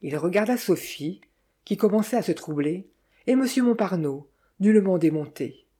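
Low, husky woman narrating. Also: expressive, normal speed, dark tone. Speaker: audiobook narrator. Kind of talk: scripted narration of a detective novel.

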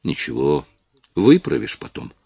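A man's voice: deep voice, wildly swooping pitch, measured pace, creaky, dark tone, breathy edge, no room sound, full character voice. A man voicing a stern young man who speaks curtly and mockingly.

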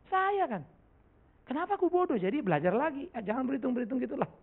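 A man's voice: extremely high pitch, big pitch swings, fast talker. A middle-aged male pastor giving a casual, joking sermon with lots of rhetorical questions. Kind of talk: conversational sermon with Q&A. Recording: tinny lo-fi recording.

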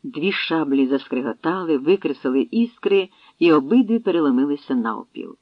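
A male narrator reads a battle-filled historical tale with dramatic pacing, his voice sitting slightly high for a man. The recording is dull and lo-fi, very dry, with no room sound. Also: expressive, moderate pace, no room sound. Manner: dramatic storytelling. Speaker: audiobook narrator. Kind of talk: scripted narration.

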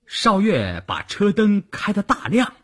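A man narrating a story for a storytelling broadcast in a slow, expressive way. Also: high-pitched, husky.

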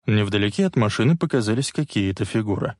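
A man's voice: lowish voice, expressive, quick pace, a little mellow, dry recording. Man narrating a story, dry close sound. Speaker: audiobook narrator. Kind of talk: scripted narration.

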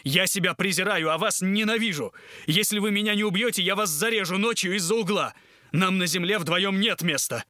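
A man's voice: on the high side, very animated, fairly quick, a bit bright, no echo, clean studio sound. A man voicing a proud, desperate young male officer in an audiobook, tense and defiant.

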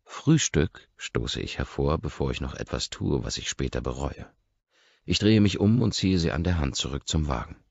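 Very deep, gravelly male narrator. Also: normal speed, dry recording, lo-fi sound. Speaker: audiobook narrator. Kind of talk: first-person novel narration.

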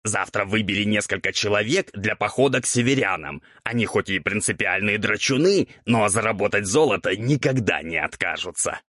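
A man's voice: on the low side, lively intonation, moderate pace, hardly any pauses, sharp tone, no room sound, studio quality. A man voicing a playful, sly male ghoul mentor who teases his pupil, in an audiobook. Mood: practical. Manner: teasing, amused. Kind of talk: audiobook character voice.

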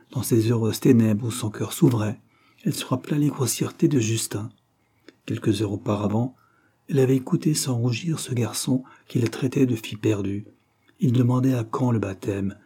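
A man narrates a classic novel as an audiobook. His reading is measured and expressive. His voice sounds mellow and warm, with a husky edge and a middle pitch.

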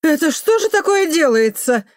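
A woman's voice: sits high, sing-song, moderate pace, dry recording, clean studio sound, voice pushed up. A woman voicing an indignant neighbor woman, breathless with outrage. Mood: outraged.

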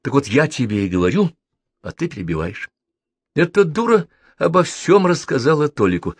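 Guy doing a snappy flippant young dude, higher voice, quick temper, dry audiobook sound. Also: sing-song, slightly rough, no echo. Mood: irritated. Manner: sharp, quick-tempered, joking. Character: flippant, irritable young man caught in trouble.

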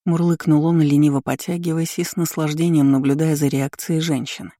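A woman's voice: sits low, fairly even intonation, a little fast, dark tone, no room sound. Brief: woman audiobook narrator, dramatic reading, dry studio sound. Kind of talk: scripted story narration.

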